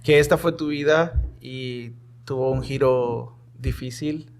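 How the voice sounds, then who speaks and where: Brief: male host, gravelly fry in the voice, gentle prompting questions. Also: mid-range voice, steady tone, slow, a little hiss or hum. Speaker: podcast host. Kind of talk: conversational interview.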